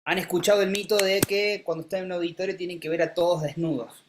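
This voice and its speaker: A speaking coach, teaching a live masterclass and calling on students by name, who keeps changing pitch and pace to show what is meant. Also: fairly even intonation, quick pace, background noise. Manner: demonstrative, shifts pitch and pace to illustrate; coaxing, calls on students by name.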